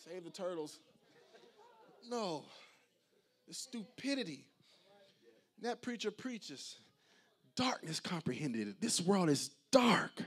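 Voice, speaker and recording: A man's voice: sits high, big pitch swings, slow pace, pauses often, fairly bright tone, breathy edge. A male pastor preaching a sermon in a church, impassioned and rhythmic, with repeated refrains. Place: church sanctuary.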